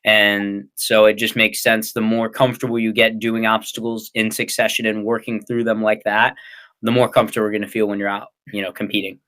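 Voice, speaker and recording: A man's voice: fairly low pitch, flat delivery, brisk, bright, forceful tone. A young man with an American accent, answering casually as an interview guest in a hesitant, rambling way. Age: young adult. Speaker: interview guest, ninja athlete and coach.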